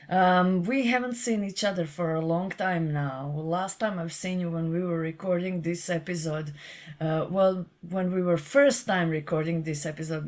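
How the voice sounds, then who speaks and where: Chatty woman hosting a podcast. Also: on the low side. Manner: chatty and upbeat, with fillers. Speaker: podcast host. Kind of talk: casual podcast chat.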